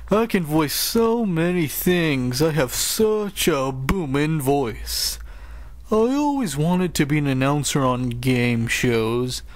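A man with a fairly high voice, recorded dry, does comedic cartoon voice work as a broke, grumbling show announcer. The character whines, sighs, groans a lot and makes sarcastic complaints.

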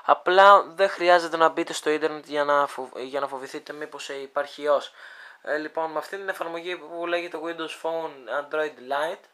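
A speaker with a smooth, clear voice walks viewers through a phone app at a middle pitch. The delivery is halting, full of pauses and restarts while thinking aloud, and addresses the audience like friends. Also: steady tone, pushed and bright. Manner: hesitant, thinking aloud, many fillers. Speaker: video creator demonstrating a phone app. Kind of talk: casual screen demo walkthrough.

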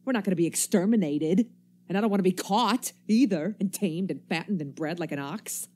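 In a radio play, a woman with a lowish, warm voice close to everyday speech plays a wary, embittered survivor, a stranger armed with a knife. She talks briskly in folksy, slangy, cynical language, sounding scheming and scornful.

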